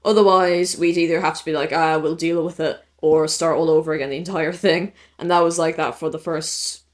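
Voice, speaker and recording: A man co-hosting a podcast in relaxed, casual chat, laughing often and using lots of fillers. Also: fairly high pitch, brisk. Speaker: podcast co-host.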